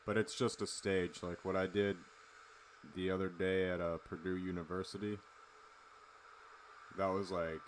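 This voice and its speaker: Deep-voiced, laid-back young male streamer. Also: measured pace, pauses often, slight background noise. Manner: relaxed, rambling, full of fillers. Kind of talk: casual late-night stream chat.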